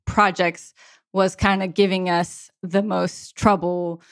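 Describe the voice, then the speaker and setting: A woman's voice: lowish voice, flat delivery, slow pace, no echo, clean studio sound. A woman chatting as a podcast guest, talking loosely with lots of fillers and frequent laughter. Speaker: podcast guest, software developer. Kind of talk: casual podcast chat.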